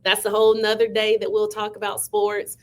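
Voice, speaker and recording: A woman's voice: mid-range voice, completely flat delivery, brisk. A woman, a county manager who is under the weather, giving effusive casual praise to her team. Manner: warm, effusive praise with frequent "y'all".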